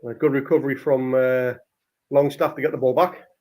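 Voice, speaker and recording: A football watchalong podcast host calls the match live in a casual, one-sided way, throwing in exclamations as the play unfolds. His mid-range voice stays fairly flat in pitch, moves along fairly quickly, and has a darkish tone.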